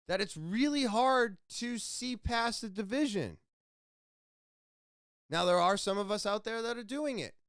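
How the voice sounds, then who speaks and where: A man hosting his own podcast, delivering an impassioned solo opinion monologue that swings between ranting and quiet somber talk. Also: sits high, dry recording, clean studio sound. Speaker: podcast host.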